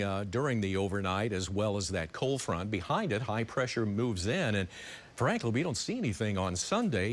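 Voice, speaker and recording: A man presenting news and weather in a conversational broadcast style. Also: on the low side.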